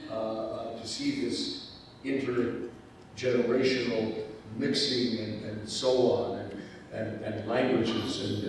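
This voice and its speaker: A man's voice: mid-range voice, darkish tone, a little hiss or hum. Wry older man talking in an echoey hall. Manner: wry, chatty, many restarts. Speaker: guest speaker. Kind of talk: conversational talk. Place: large hall. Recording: echoey hall recording from far off.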